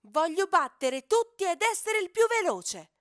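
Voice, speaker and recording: A woman voicing a grumpy, quick-tempered young male hippo calf who shouts in frustration. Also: very high-pitched, sing-song, no room sound, clean studio sound, pitched above the performer's own voice, full character voice. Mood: furious.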